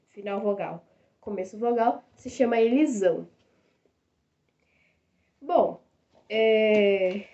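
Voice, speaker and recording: A woman's voice: medium pitch, dark tone, highs cut off. A young woman with a Brazilian Portuguese accent, tutoring in a casual, step-by-step way with frequent tag questions and fillers. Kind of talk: casual explanatory lesson.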